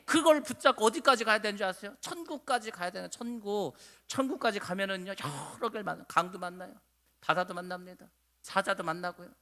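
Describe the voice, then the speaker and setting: A man's voice: high-pitched, a little fast, a bit bright. A man pastor preaching a sermon with emphasis, firing off rhetorical questions. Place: church sanctuary. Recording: long reverb of a church hall.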